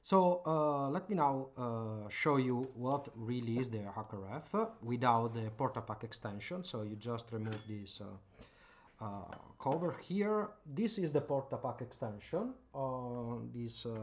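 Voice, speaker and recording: This hobbyist channel host is from Italy and speaks with an Italian accent, giving a casual explanatory demo of radio gear at his home workbench. The voice is mid-range, unhurried, with lively intonation and a little hiss or hum. He hesitates often, using lots of filler sounds.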